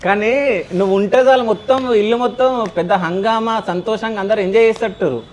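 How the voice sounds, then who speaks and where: A man's voice: high-pitched, fast, a little hiss or hum. A man, interviewing an older woman with teasing, coaxing questions. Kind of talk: casual interview.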